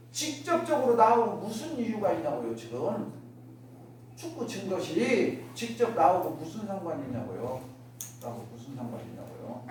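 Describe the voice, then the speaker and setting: A woman's voice: lowish voice, a little mellow, recorded from a distance. A woman minister giving a dharma talk to her congregation, often asking them rhetorical questions and acting out everyday remarks. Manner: acts out everyday remarks in other voices. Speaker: Won Buddhist minister. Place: worship hall. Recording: echoey hall, miked from afar, faint noise.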